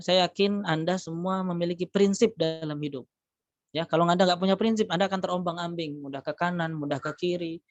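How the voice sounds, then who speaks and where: A middle-aged male lecturer gives students an emphatic, preachy religious motivational talk over a video call, full of rhetorical questions. His voice is on the high side, and the audio is dull, dry, lo-fi call sound with no room noise.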